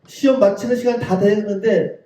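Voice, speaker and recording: Man, middle-aged pastor, sermon, fervent, voice rising and falling, mellow dark tone, echoey church, distant mic. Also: fairly even intonation, normal speed. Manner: fervent preaching, voice rising high on declarations then dropping soft; addresses the congregation often. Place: church sanctuary.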